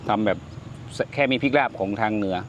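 An older man hosting a laid-back cooking vlog chats and exclaims over the food as he tastes it. His voice is fairly low and brisk, and the recording sounds muffled, with background noise.

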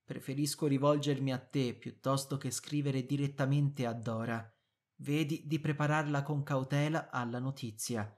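A man's voice: mid-range voice, fairly even intonation, normal speed, a little mellow, lightly acted. A man voicing a sympathetic male friend's letter in an audiobook reading, earnest and apologetic.

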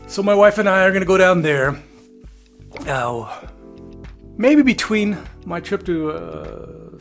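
Older man, from Texas, casual vlog update, rambling folksy delivery, faint background music. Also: a little high. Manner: rambling, many "uh" fillers, folksy asides. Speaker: RV travel vlogger. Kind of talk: casual talking-head update. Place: plain indoor room, grey wall.

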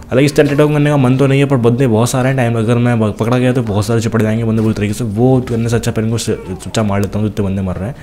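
A young man casually commenting on his own gameplay, talking fast and teasing the enemies on screen. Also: medium pitch, steady tone, mellow, a little hiss or hum. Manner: chatty, teasing enemies, talks fast while playing.

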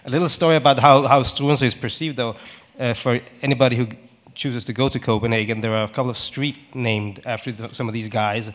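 A man's voice: medium pitch, steady tone, fairly quick, a bit bright. Joking man. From Denmark. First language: Danish. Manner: joking, self-deprecating, laughs between remarks. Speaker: actor on a press panel. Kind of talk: press conference answer. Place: large press conference room. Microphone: table microphone.

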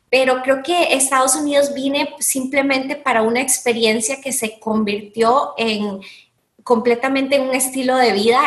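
A woman, an entrepreneur answering interview questions on a video call in an earnest way, often restarting her sentences. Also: fairly high pitch. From Costa Rica. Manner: earnest, many restarts and fillers. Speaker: guest entrepreneur. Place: room at home. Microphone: video call webcam. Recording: echoey room on a video call.

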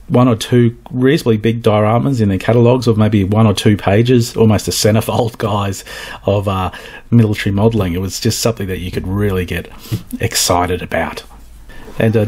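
Bloke, low husky voice, upbeat and chatty, calls viewers guys; casual kit-review vlog host. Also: male voice, a little mellow. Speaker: scale model kit reviewer. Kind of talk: casual enthusiastic product review.

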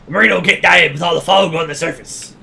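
A man voicing a gruff old male pirate sea captain with a growling drawl, reading game dialogue aloud. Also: on the high side, a little fast, sharp tone, pitched below the performer's own voice, heavily acted. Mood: matter-of-fact.

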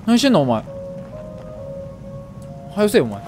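A man's voice: high voice, huge pitch swings, measured pace, darkish tone, faint music behind. A man with a Kansai accent commenting on a horror game he plays, letting out startled yelps and joking curses. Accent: Kansai Japanese. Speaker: gamer.

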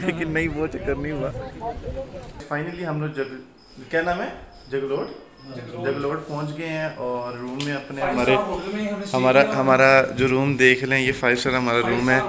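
Young man vlogging on the road. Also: mid-range voice. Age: young adult. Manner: chatty, loose running commentary to camera. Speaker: travel vlogger. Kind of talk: casual travel vlog. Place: outdoors on mountain roads and lakesides. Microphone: phone camera held at arm's length.

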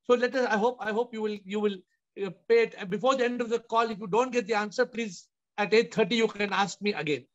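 A man in his fifties with an Indian accent leads a spiritual question-and-answer session. His voice is high for a man, and he repeats questions for emphasis. The sound is dull, compressed video call audio. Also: steady tone, fast. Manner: emphatic, repetitive, rhetorical questioning. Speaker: host and spiritual teacher.

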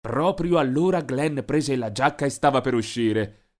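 A man narrating an animated teen story in a lively, mischievous storytelling voice. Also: mid-range voice, a little slow.

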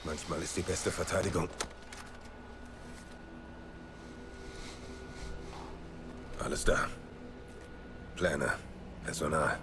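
An actor in a German video game dub playing a gruff, wry middle-aged special forces captain who talks tersely and with command. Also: male voice, rumbling low, steady tone, moderate pace, noisy background. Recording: loud music behind.

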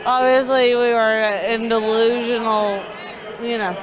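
A woman's voice: fairly high pitch, steady tone, unhurried, crowd noise. A young woman from Georgia giving a brash, rambling interview into a handheld microphone. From Georgia, United States. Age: young adult. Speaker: interviewee at a monster truck event. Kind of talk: boisterous vox-pop interview. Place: busy arena concourse.

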